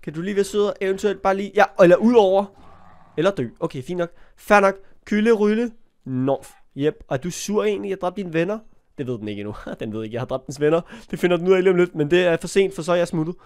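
A man's voice: sits high, expressive, a little mellow. A young man with a cold giving chatty let's play commentary on a block-building game, talking to the animals and yelping when startled. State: has a cold. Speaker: gaming YouTuber.

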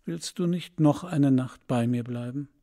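A man voicing a gentle, sorrowful prince statue in an audiobook fairy tale, speaking softly and tenderly. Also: a little slow, close to an everyday voice. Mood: gently insistent. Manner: soft, low and tender.

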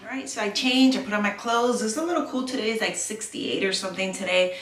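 Woman vlogger with a bright, sharp tone, rambling and candid while getting ready; echoey home room, faint hiss. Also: mid-range voice, fast. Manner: rambling, candid, talks while doing makeup. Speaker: beauty vlogger. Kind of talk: casual get-ready-with-me chat. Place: home, indoors.

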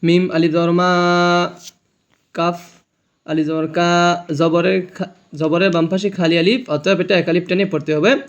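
A man's voice: high voice, little pitch movement, measured pace, pauses often, lo-fi sound. A man teaching Quran reading, spelling out letters and vowel marks, then drawling each joined syllable for the listener to repeat. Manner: repeats words for the listener to echo. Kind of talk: recorded reading lesson.

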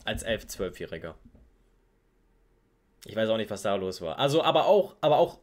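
A man hosting a reaction video, chatting casually and upbeat, often pausing on fillers. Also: on the low side, very animated, a little mellow.

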